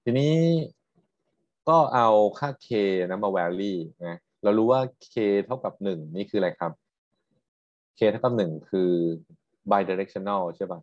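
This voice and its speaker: Low-pitched and a little slow, a university lecturer patiently walks students through technical material, often tacking on short questions to confirm they understand. There's no echo, though the recording sounds somewhat dull and muffled.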